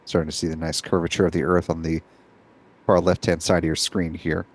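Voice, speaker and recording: A man's voice: low voice, level tone, fairly quick. A man hosting a live stream, giving informative, orderly explanatory commentary.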